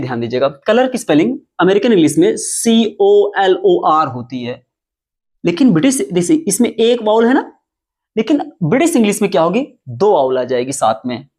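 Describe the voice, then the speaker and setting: A man teaching English at a whiteboard who explains step by step, spells words out letter by letter and repeats them slowly. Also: sits high, a little mellow. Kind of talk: whiteboard lesson. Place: classroom with whiteboard.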